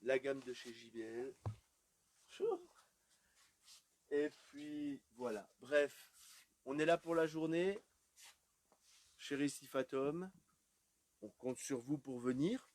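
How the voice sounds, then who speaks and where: A man's voice: medium pitch, takes it slowly, long pauses, a little mellow. A man giving a casual live walkthrough of an aquarium shop, chatting loosely with plenty of fillers as he walks around. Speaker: aquarium shop tour host.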